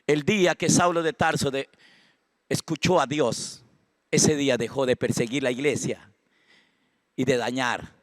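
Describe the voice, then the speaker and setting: A man preaching a sermon with a Costa Rican accent, swinging from hushed prayer to loud exhortation. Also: mid-range voice, fairly even intonation, measured pace, pauses often, no room sound, clean studio sound. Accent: Costa Rican Spanish. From Costa Rica. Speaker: pastor. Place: church sanctuary.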